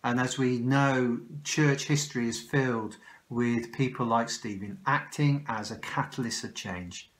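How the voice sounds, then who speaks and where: An older man with a Welsh English accent preaching a sermon recorded at home, speaking earnestly and often restarting his words, close to a phone or webcam in a small room. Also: medium pitch. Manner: slow, earnest, with frequent restarts. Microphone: phone or webcam close in front.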